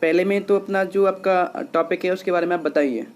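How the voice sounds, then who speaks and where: Brisk and steady, a high-pitched man teaches English to his class. He explains with patience, often repeats himself, and refers to the students as children.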